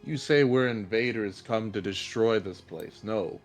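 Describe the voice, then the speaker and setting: With a fairly low, unhurried voice, a man plays a grave, defiant hero in a tabletop game, delivering in-character lines in a solemn, declamatory manner. The mood is solemn and accusing, and music plays behind him.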